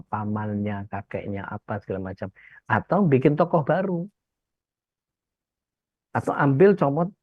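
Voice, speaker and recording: A lowish, gravelly voice with a breathy edge belongs to a male Islamic preacher giving a relaxed talk. He tells stories and performs the voices of the people in them, on a dull, dry, lo-fi recording with no echo.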